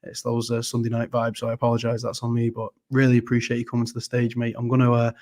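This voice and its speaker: A man's voice: mid-range voice, monotone, quick pace, darkish tone. A man hosting a casual live audio panel, friendly and hesitant, often repeating words and apologizing. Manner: friendly, calls people mate. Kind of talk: casual chat.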